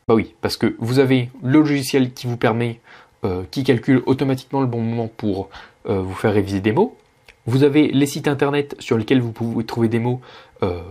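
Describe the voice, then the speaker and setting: A young man who teaches Russian walks through the steps of his online course. He talks casually, with many fillers and restarts, at a medium pitch. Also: a little mellow.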